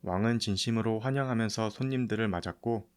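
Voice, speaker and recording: A man with a fairly low voice narrates a children's storybook for bedtime. He reads from a script as an audiobook narrator, addressing the listener as one would a small child. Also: fast talker, smooth. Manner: storytelling as if to a child, in familiar speech.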